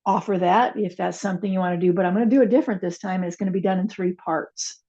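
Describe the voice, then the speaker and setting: A woman teaching a chair yoga and meditation class, giving gentle, unhurried cues with soft asides. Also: fairly low pitch, fairly even intonation, dull audio. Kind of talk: guided yoga class instruction.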